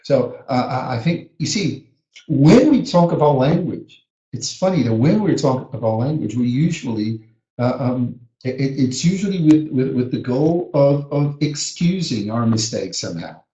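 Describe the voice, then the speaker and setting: A Brazilian man whose native language is Portuguese teaches a live webinar lesson, drilling words with earnest emphasis. His medium-pitched voice is animated, mellow, and at normal speed, in reverberant, dull audio. He's a teacher educator, and a small child can be heard now and then.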